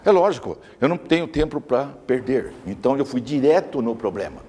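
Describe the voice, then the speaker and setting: A man's voice: medium pitch, expressive, a little fast, mellow, husky. Emphatic man lecturing in hall. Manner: emphatic, repeats words for stress. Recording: long reverb of a hall.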